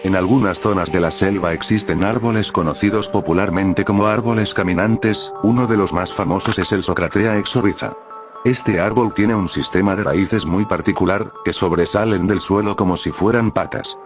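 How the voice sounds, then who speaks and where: A man reading scripted nature documentary narration in a measured, explanatory storytelling manner. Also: low voice, music in the background.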